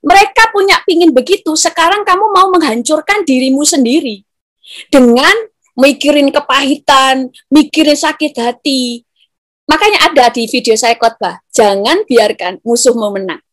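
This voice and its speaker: Woman pastor teaching, high voice, quotes people, very dry close sound. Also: moderate pace, a bit bright, no room sound. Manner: teaching, quoting people, rhetorical questions. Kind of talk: sermon-style answer.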